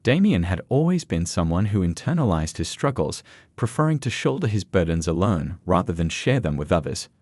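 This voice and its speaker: A male narrator telling a scripted first-person story in an earnest, expressive way. His voice sits low, his pitch moves a lot, and the sound is close and dry. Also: brisk, dry recording.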